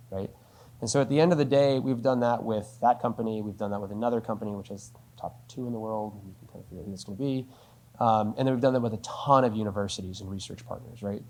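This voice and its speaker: A man's voice: lowish voice, darkish tone. A man answering a business question in a conversational Q&A, explaining step by step and often tagging sentences with "right?". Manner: explanatory, uses frequent "right?" tags. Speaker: company spokesperson answering questions.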